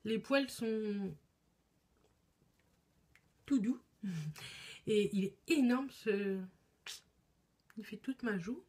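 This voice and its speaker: A woman's voice: mid-range voice, very slow, long pauses, a little mellow, husky. A young woman talking casually as a beauty vlogger, chatty and hesitant, with many fillers and restarts. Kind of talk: casual chat.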